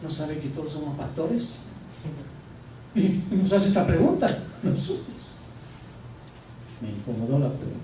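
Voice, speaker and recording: A man's voice: a little high, unhurried, long pauses. A man, a pastor, telling a personal story in a sermon and acting out the dialogue. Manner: animated, acts out dialogue. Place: church. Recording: echoey church from a distance, faint noise.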